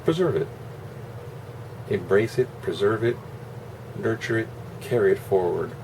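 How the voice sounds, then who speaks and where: A man's voice: lowish voice, a little slow, far from the mic. A man giving a casual, opinionated monologue in a rambling, sarcastic, salty way. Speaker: online video host. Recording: constant air-conditioner hum, noisy room.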